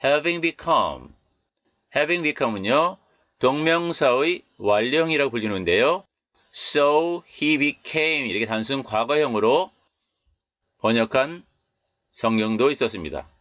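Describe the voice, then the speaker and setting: A man leads a repeat-after-me English lesson on scripture, drawing out each phrase slowly several times. His voice is bright and his pitch moves a lot. The recording is dry and close. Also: expressive, no room sound. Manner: reads English phrases very slowly and repeats them, explains quickly in Korean. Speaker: English Bible teacher. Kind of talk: language lesson with slow repeat-after-me drills.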